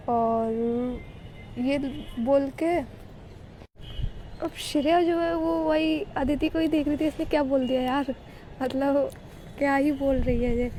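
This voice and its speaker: Woman, high voice, casual chatty storyteller, noisy background; fillers, retold dialogue. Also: warm tone.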